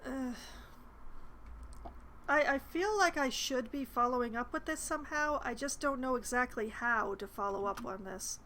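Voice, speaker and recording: A woman's voice: sits high, moderate pace, pushed and bright, slight background noise. A woman giving casual commentary as she plays through a video game. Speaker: player narrating a game playthrough.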